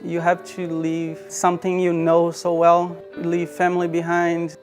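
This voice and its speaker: A man's voice: on the high side, monotone, a little slow. A man giving a student testimonial in a promotional video, speaking reflectively about his experience. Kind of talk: testimonial interview. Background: music.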